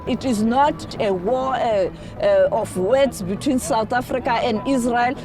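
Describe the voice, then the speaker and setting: A woman's voice: fairly high pitch, unhurried. A woman doing live news reporting outside a court. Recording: music bed under the voice.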